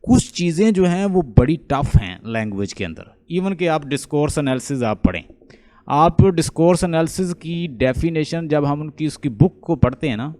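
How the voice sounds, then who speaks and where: This Urdu-speaking teacher from Pakistan, with his Pakistani accent, runs an online English lecture on a class call. He explains, quizzes his students, and repeats words slowly, his dark-toned voice on the high side and lively in intonation.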